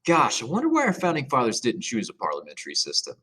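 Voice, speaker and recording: A man's voice: medium pitch, huge pitch swings, quick pace, pushed and bright. A man teaching a government class in a casual, jokey, conversational way. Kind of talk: classroom lecture video narration.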